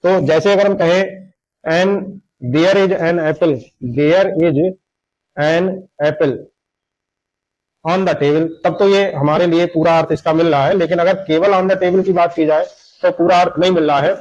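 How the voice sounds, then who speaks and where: A man teaching a grammar lesson in Hindi, explaining slowly and repeating each example. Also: on the high side, steady tone, darkish tone. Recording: dull lo-fi sound.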